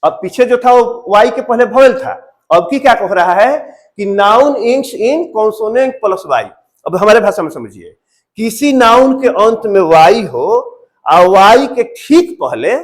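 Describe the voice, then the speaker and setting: Guy with a high voice and teaching grammar, keeps asking "what do we do?" and answering. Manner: repetitive, asks questions and answers them himself. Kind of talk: classroom-style grammar lesson.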